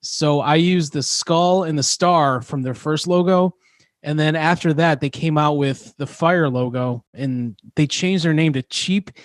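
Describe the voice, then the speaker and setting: A man's voice: fairly high pitch, unhurried, dry recording, clean studio sound. A man in casual podcast chat, laughing as he tells a story. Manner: laughs through his stories.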